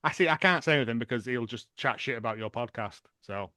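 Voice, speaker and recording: A man hosting a podcast in casual chat, excitable and rambling with repeated restarts. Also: medium pitch, fast, dry recording, clean studio sound. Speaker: podcast host.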